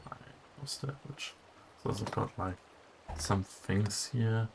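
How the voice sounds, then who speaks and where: Low, creaky man commenting on a game. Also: noisy background. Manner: halting, thinking aloud. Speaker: video game player giving commentary. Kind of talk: casual gameplay commentary.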